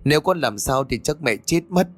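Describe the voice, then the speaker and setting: A man's voice: a little high, expressive, normal speed, no echo, faint music behind, voice pushed up. A man narrator voicing a frantic, grieving elderly mother who wails and pleads. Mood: fearful. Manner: wailing, pleading.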